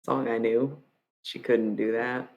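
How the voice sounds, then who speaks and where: On a live stream, a young Michigan woman makes self-mocking jokes and breaks into freestyled rap lines in a casual chat. Her very deep voice barely moves in pitch, unhurried and a little mellow, with the highs cut off.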